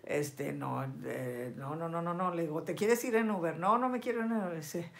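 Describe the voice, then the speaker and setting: Sixties woman vlogger, warm-hearted chatter with viewers, casual and unscripted. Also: on the low side, moderate pace, gravelly. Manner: chatty and affectionate, lots of diminutives and endearments. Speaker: vlogger reading viewer comments. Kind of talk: casual live chat.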